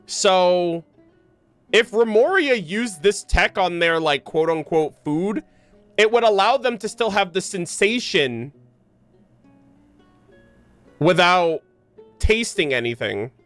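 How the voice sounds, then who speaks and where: Streaming a game over its music, a man muses and reacts in casual slang with quick interjections. He has a high, slightly bright, smooth voice that's animated but slow, with frequent pauses.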